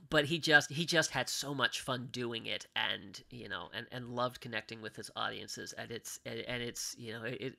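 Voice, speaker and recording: Bright-voiced hesitant organist from Pittsburgh. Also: male voice, mid-range voice, gravelly. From Pittsburgh, USA. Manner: hesitant, many fillers and restarts, laughs often. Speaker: organist guest. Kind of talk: casual podcast conversation.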